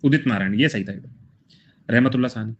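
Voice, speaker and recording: A man with a medium-pitched voice talks fast as he teaches a live online general knowledge class. He drills memory tricks through repetition and calls on his students as "brothers." The recording is muffled.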